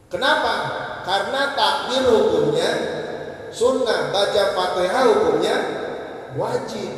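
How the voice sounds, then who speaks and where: Male religious teacher, unhurried, quizzes listeners; echoey hall, mic at a distance. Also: high-pitched. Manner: quizzes listeners and mimics worshippers' chants. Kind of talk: religious lesson with call-and-response.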